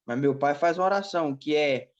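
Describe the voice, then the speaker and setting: A man in the class speaking up to the pastor, hesitant and halting. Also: a little high, lo-fi sound. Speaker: student in class. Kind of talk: classroom question.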